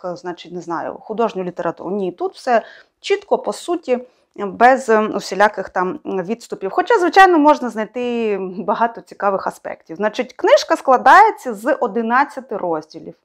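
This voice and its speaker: A young woman with a fairly high voice gives a casual spoken review of a book. She thinks aloud as she goes and often stops on fillers and corrects herself. Her tone stays plain and conversational.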